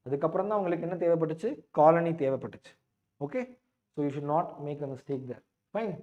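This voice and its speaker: A man's voice: a little high, expressive, racing, a little mellow, highs cut off. A man with a Tamil accent teaching an exam class in a didactic way, repeating phrases and checking with questions. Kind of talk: live online lecture in English with some Tamil.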